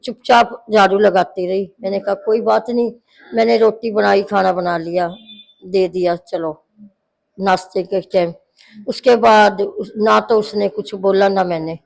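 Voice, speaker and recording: A woman's voice: medium pitch, steady tone, unhurried, vocal fry, a little mellow, low-quality recording. A middle-aged woman with a mid-range voice recounts a family quarrel at length. She keeps quoting the words each person said, in a plain narrating way. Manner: long narration full of quoted dialogue. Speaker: interviewee, mother-in-law.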